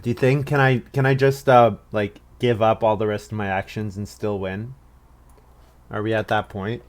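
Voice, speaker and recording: Casually commenting on his play, a board game player thinks out loud, teases himself, and chuckles at how he moves. He has a fairly low, steady voice and keeps a moderate pace.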